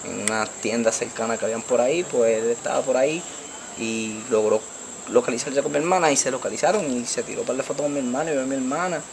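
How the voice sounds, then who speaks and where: Into a handheld mic held by an interviewer, a young adult man from the Dominican Republic, with a Puerto Rican Spanish accent, tells his story on the street at night. He's animated, gestures, and repeats "tú me entiendes" to check understanding. His mid-range voice is quick with vocal fry, and a crowd can be heard behind him.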